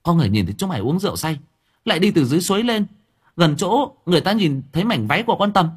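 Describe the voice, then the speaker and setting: A man voicing a stubborn young village woman who speaks high, fast and insistent. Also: sing-song, slightly rough. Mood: indignant.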